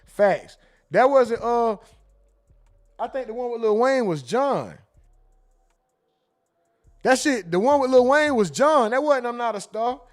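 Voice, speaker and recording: A man hosting a casual livestream, reading viewer comments aloud and reacting with quick asides and laughter. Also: very high voice, lively intonation. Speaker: livestream host reading super chats.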